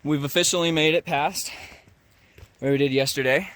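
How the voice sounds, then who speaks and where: A man casually narrating a rainy mountain hike outdoors, relaxed and chatty with a few fillers. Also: on the high side, moderate pace. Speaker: hiking vlogger.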